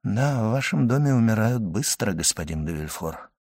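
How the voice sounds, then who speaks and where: A man reading aloud as a solemn, grim middle-aged physician who speaks in a measured, hushed way. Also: on the low side, animated. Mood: grave. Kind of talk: audiobook reading.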